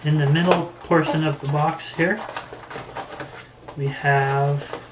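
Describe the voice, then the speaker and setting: A gear reviewer thinks aloud through a relaxed product review, taking his time and stopping and starting. His mid-pitched voice stays steady and even, while the echoey room carries faint noise in the background.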